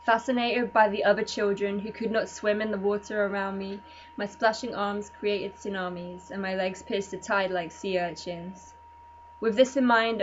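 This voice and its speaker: A woman in a spoken word poetry reading, her lines measured and deadpan, set in a middle register. The recording is dull and lo-fi, with a low hum sitting faintly underneath. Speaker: poet.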